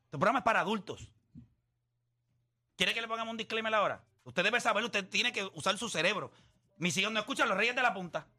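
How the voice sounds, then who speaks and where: A man's voice: high voice, fast talker, pushed and bright. A man hosting a casual radio talk show, bluntly scolding a caller.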